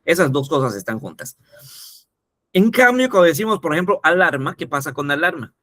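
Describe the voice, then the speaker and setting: A man's voice: fairly high pitch, very animated, a little fast, sharp tone, dry recording, clean studio sound. A man teaching a lesson, explaining step by step and often checking in with the listener. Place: teaching video.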